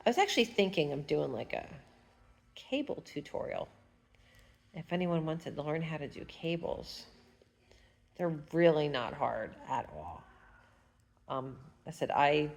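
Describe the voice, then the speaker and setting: A fiber arts vlogger with a stuffy nose chats casually at home, showing off her knitting and humming to herself as she works. Her voice is low, animated and gravelly, and she takes it slowly, pausing often. The talk is a chatty, rambling knitting tutorial.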